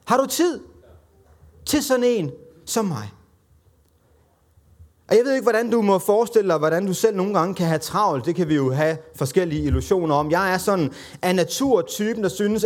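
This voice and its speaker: A man with a high voice preaches in a loose, conversational way. He pokes fun at himself and slips into the voices of the people in the story as he retells it. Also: animated, a little mellow. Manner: conversational, self-deprecating, acts out quoted voices. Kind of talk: sermon.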